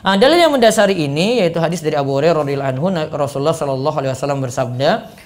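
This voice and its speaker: A man's voice: on the high side, racing. A man gives a religious study lecture as a preacher, quizzing his listeners and acting out sample prayers. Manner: animated, quizzes the audience and acts out sample prayers. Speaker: Islamic preacher.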